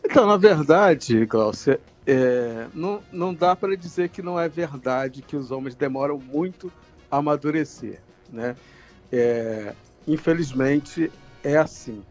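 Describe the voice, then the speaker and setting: A man talks on speakerphone as an interview guest, candid and reflective. His voice sits a little high and comes through a dull, muffled phone line. Faint music plays behind him. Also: a little slow. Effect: phone call on speakerphone.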